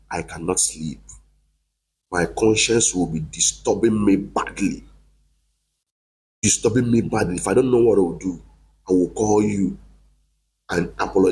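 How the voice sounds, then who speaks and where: Man, low pitch, accusing monologue, repetitive, emphatic. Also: a little mellow, poor audio. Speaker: online commentator. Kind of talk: monologue addressed to camera.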